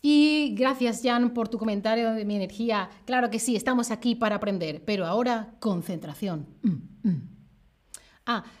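A woman from southern Spain teaching a live-streamed Spanish lesson in a neutral Castilian accent, animated and playful, reading viewers' comments aloud. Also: fairly high pitch, moderate pace. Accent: neutral Castilian Spanish, softened southern Spain.

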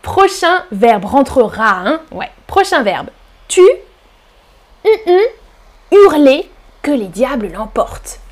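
A woman teaching French on a live stream, explaining slowly and clearly and now and then singing lines of a song. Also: a little high, big pitch swings. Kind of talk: live-streamed language lesson.

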